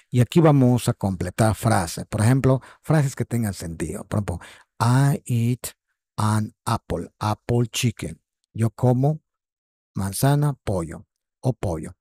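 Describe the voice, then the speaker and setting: A man teaches English to beginners. He speaks slowly and repeats each word several times. His voice is low, mellow and a little husky, recorded close and dry. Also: no room sound. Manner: slow, repeats words for drilling. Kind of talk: online English lesson.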